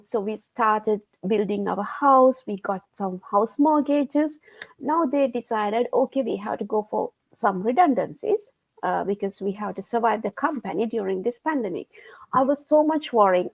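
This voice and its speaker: A woman's voice: mid-range voice, no room sound, poor audio. A woman in her thirties from Sri Lanka, a guest on an online call, talking earnestly about her life and work. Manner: earnest, non-native phrasing, soft laughs. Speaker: guest, engineer. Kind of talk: casual interview chat. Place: home.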